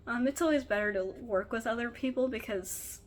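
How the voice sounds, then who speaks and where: A young woman in her twenties talks to her camera in a relaxed, candid diary vlog about student life. Her voice sits a little high, and she fills her pauses with "um" and "like". A faint hum of noise runs under the recording. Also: rough recording. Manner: chatty and candid, with frequent "um" and "like". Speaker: veterinary student vlogger.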